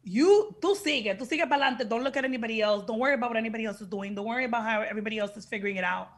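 A young woman of Dominican heritage, with a Dominican Spanish-tinged English accent and a slightly high voice, talks very fast. Appearing as an actress guest on a casual podcast interview by video call, she speaks frankly and emphatically, occasionally swearing, from an indoor room with a plain backdrop.

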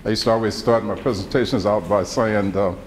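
Speaking a little fast in a lowish, fairly even voice, this man in his seventies from central Mississippi delivers a folksy, informal public talk woven with memories of his own. He is a retired pharmacology professor invited as a guest lecturer, addressing a seated audience through a podium microphone indoors. The recording carries the roomy echo and background noise of a live hall.

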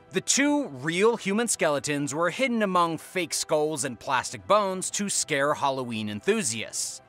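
A man's voice: on the high side, bright, forceful tone. A man narrating a scripted countdown video in a dramatic way, posing teasing questions to the viewer.

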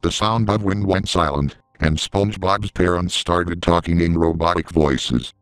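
A man giving scripted horror story narration in a steady, measured way, recorded on a close mic. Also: low voice, clear, resonant tone, dry recording, poor audio.

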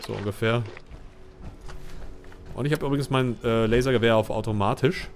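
A man's voice: mid-range voice, normal speed, slight background noise. A man from Germany giving casual gameplay commentary as a let's play host, chatting to himself and his game companion.

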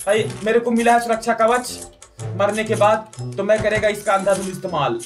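A man giving jokey, excitable commentary over a mobile adventure game, yelping and protesting whenever his character dies. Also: high voice, a little fast, faint music behind. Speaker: gaming YouTuber. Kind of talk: Hindi gameplay commentary.

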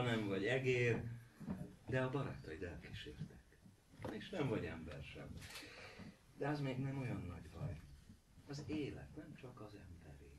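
A man playing a calm, consoling wise wizard on an echoey stage, heard from far off. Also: fairly low pitch, noisy background. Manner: calm, consoling, lively intonation. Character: wise gentle great wizard.

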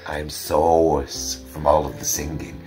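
With music playing in the background, a middle-aged man with a Northern English accent hosts his homely food vlog in an unhurried bass voice and a flat delivery. He's casual and affectionate, referring to viewers as "loves."

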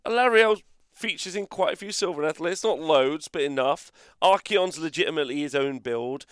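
A man hosting a casual gaming podcast, rambling and animated, with mock-outraged banter. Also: a little high, a little fast, smooth, no echo, studio quality. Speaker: host.

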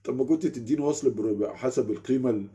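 A man's voice: medium pitch, fast talker. A man with an Egyptian accent telling a story in a casual rant, keeps asking the listener whether they follow, speaking from a small room at home. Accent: Egyptian Arabic. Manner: animated, keeps asking the listener "you get it?". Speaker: vlogger.

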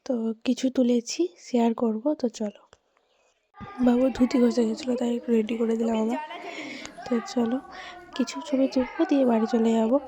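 A woman's voice: fairly high pitch, level tone, a little fast, long pauses, warm tone, a little hiss or hum, poor audio. A woman, chatting casually to her viewers as a home vlogger. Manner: chatty, talks straight to viewers as friends. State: hoarse from a cold. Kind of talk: casual home vlog chat. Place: home indoors.

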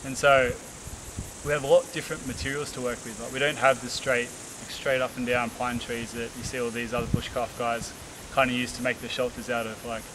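Young Australian bloke, casual vlogger, tired and relaxed, camera a few metres off, hissy outdoor audio with insects. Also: male voice, medium pitch, brisk. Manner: relaxed, rambling, many fillers and restarts. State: tired after a hot hike. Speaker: bushcraft vlogger. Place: outdoors in the bush by rocks. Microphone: camera on a tripod a few metres away.

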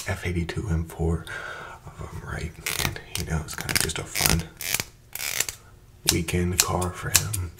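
A man in his twenties, an ASMR creator, plays a barber in a bright indoor room with plants, speaking into a close desk microphone in front of him. His low-pitched voice stays soft and drifts into whispers, with calm, repetitive, soothing chatter. The recording is very noisy.

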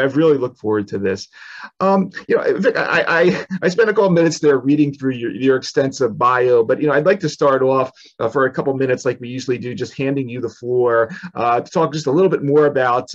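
A man's voice: medium pitch, dull audio. A man in his forties hosting a podcast over a video call from a home office, reading a long guest introduction with frequent "uh" fillers. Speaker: podcast host. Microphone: headset on video call.

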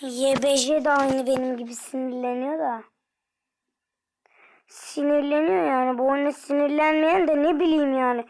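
A young woman commenting on her own gameplay, dropping to whispers and then shouting in frustration. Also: high voice, fairly even intonation, a little fast. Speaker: gaming streamer.

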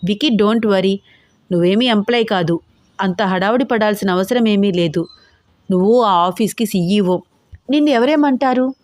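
A woman's voice: mid-range voice, moderate pace, darkish tone, no room sound, natural voice. Brief: young newlywed wife in her twenties, pleading, coaxing, a little pouty, dry close sound, voiced by a woman. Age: 20s.

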